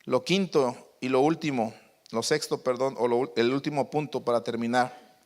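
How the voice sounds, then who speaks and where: A man preaching a sermon as pastor, stressing and slowly stretching key words. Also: mid-range voice, fairly even intonation, long reverb tail.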